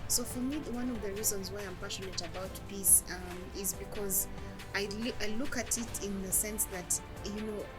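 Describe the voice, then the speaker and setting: A young woman from Kenya, a guest in an interview, explaining her work in a thoughtful way and pausing to rephrase. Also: mid-range voice, steady tone, over loud music. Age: young adult. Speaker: interview guest, peacebuilding team leader. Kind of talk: earnest interview answers.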